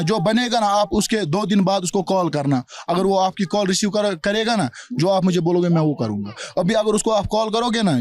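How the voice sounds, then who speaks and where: A man's voice: high-pitched, a little mellow. A man from Kashmir answering a street interview bluntly and defiantly. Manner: blunt, defiant, repeats himself. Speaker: local resident.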